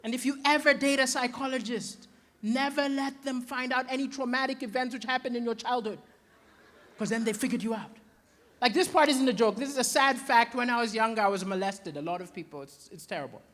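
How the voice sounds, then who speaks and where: Male stand-up, animated delivery, sharp tone, hall reverb. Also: extremely high pitch, brisk. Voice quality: animated, switches into voices for quoted people. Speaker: stand-up comedian. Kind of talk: stand-up comedy set. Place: comedy venue stage.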